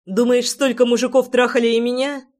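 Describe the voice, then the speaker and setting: A woman's voice: on the high side, little pitch movement, a little fast, a little mellow, voice pushed up, lightly acted. A woman voicing a fiery pregnant young wife who hisses and snaps back at her husband in an audiobook. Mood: hissing anger. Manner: hissing, snapping.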